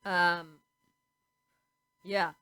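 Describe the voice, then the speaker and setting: Rambling woman with a bright voice. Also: fairly low pitch, flat delivery, very slow, smooth, no echo, low-quality recording. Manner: rambling, scattered, loses her words. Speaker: podcast co-host. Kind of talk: casual chat.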